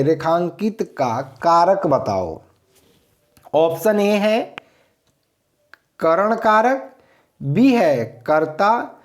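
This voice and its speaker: A man teaching grammar at an unhurried pace. His pitch rises and falls a lot as he poses a question and then answers it himself. He repeats each answer so students can follow. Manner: explains slowly, repeats answers, asks and answers own questions. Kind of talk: grammar lesson.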